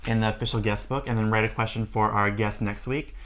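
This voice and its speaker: A man's voice: fairly low pitch, steady tone, fast, background noise. Male host, casual dinner-chat energy, upbeat, lots of fillers. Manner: upbeat, filler-heavy with frequent "like".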